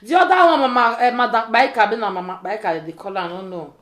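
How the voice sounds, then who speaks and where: Her voice on the high side and her pace quick, a woman with a West African accent delivers a casual pidgin rant in social media vlogger style. She scolds and keeps returning to pointed rhetorical questions, with an echoey, roomy sound around her.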